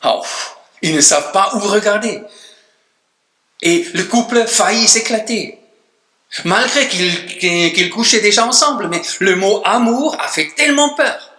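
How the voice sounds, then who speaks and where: High-voiced preacher in echoey church. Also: male voice, lively intonation, unhurried, pushed and bright. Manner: emphatic, drops low at phrase ends. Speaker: pastor. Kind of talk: sermon. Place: church hall.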